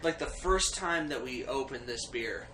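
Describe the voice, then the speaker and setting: A man chatting casually about beer in a tipsy, halting, meandering way with some swearing. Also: mid-range voice, animated. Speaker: beer reviewer. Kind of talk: casual tipsy chat among friends. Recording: echoey room, background ambience noise.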